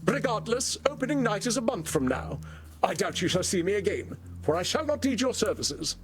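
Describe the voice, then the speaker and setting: An actor playing a pompous, vain vampire stage actor in a video game, with slow theatrical villain menace and grandiose archaic diction. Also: male voice, high voice, very animated, faint music behind. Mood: grandiose, menacing.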